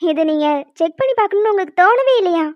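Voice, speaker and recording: A calm, reassuring doctor. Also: female voice, extremely high pitch, no room sound. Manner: measured, reassuring. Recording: dull dry sound.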